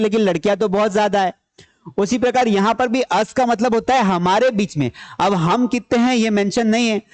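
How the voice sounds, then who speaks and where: A man with a high voice gives a grammar lesson to a class. He repeats each point and asks questions he then answers himself. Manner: repeats key points, explains in Hindi mixed with English terms. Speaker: grammar teacher. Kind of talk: classroom lecture.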